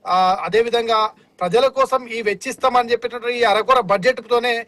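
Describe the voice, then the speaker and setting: A man's voice: very high-pitched, fast talker, fairly bright tone, no echo. A man, a party spokesperson speaking formally into a video call in a TV debate. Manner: formal, declamatory, some restarts. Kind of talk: political debate statement.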